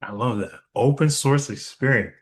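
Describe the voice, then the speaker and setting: A man's voice: medium pitch, expressive, normal speed. A man hosting an interview, asking questions in an upbeat, playful way. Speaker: host. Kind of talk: interview host.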